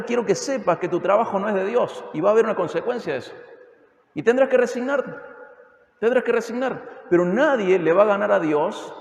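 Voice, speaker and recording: High-voiced Argentine preacher in echoey hall. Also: male voice, gravelly. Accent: Argentine Spanish (Córdoba). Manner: emphatic, firing rhetorical questions at the congregation. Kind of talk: expository sermon. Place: church hall. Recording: echoey hall with long reverb.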